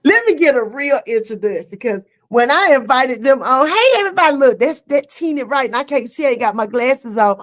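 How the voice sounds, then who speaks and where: High-voiced chatty woman host. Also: moderate pace, few pauses. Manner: lively, laughing, Southern-style casual talk with "y'all". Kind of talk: casual chat. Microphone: streaming setup.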